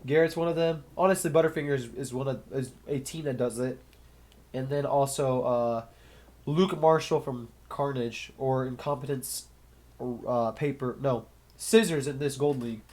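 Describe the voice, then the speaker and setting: A young sports commentator speaks at a moderate pace in a mid-range, slightly mellow voice that's a bit nasal and congested with a cold. He handles the play-by-play alone, keeping it casual and talking through his thoughts between points.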